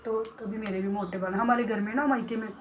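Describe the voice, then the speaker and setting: A woman's voice: mid-range voice, steady tone, fairly quick, dull audio. A woman who runs a beauty salon, chatting casually in a vlog and talking straight to her viewers and her pet parrot. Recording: clear background noise.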